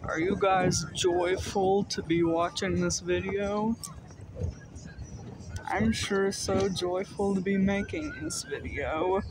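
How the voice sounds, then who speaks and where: Young-sounding man, high voice, slow deadpan vlog narration, loud vehicle rumble behind. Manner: dry, deadpan, mock-enthusiastic. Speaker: vlogger. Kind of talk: casual sarcastic narration. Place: outdoors at night on a hay wagon ride. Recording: vehicle noise outdoors.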